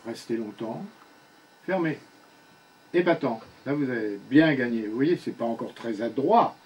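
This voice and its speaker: A man's voice: medium pitch, expressive, a little slow, darkish tone, a little hiss or hum, low-quality recording. Older man coaching patiently, short commands. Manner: patient, gives short spoken commands, often asks "you see?". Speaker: speech therapy instructor. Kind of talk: one-on-one coaching session.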